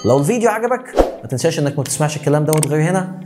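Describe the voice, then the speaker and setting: A man with an Egyptian Arabic accent teaching English pronunciation, repeating each word slowly several times. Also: a little high, lively intonation, loud music behind the voice. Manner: repeats words slowly, drawn out for drilling. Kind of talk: pronunciation lesson.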